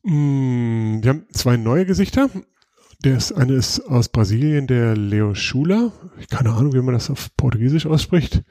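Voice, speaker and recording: A man hosting a podcast in casual chat, explaining things in a relaxed way with frequent hesitations and restarts. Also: mid-range voice, normal speed, dry recording, studio quality. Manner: relaxed, explanatory, many filler sounds and restarts. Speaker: podcast host.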